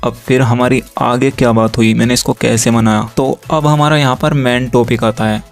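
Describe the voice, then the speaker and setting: A young man talks straight to his viewers about patching things up after a fight, reading chat messages aloud as he goes. His voice sits at an ordinary middle pitch and stays very flat, with little rise or fall. Light music plays faintly behind him. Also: normal speed, vocal fry. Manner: reads chat lines aloud in a flat steady tone, addresses viewers directly. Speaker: relationship advice creator.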